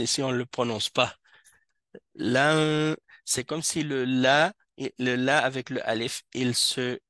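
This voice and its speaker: A man teaching an Arabic reading class in a mosque, explaining patiently and repeating each word slowly to drill pronunciation. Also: medium pitch, a bit bright, no room sound, studio quality. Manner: slow, repeats words and verses to drill pronunciation.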